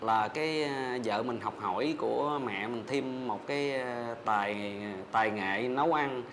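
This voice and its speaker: A man, a son and husband on a talk show, speaking haltingly with many fillers. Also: medium pitch, fairly bright tone, slight background noise. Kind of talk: casual talk show chat.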